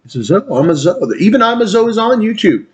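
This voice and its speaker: A man's voice: sits high, big pitch swings, brisk, breathy edge. A man talking in a rambling casual monologue, trailing off and restarting, swearing casually. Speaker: vlogger.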